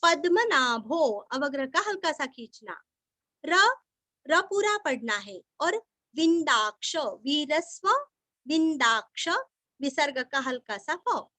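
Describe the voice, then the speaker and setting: A woman teaching Sanskrit recitation, chanting verses syllable by syllable and adding quick pronunciation tips. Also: high-pitched, big pitch swings, bright, forceful tone, dry recording.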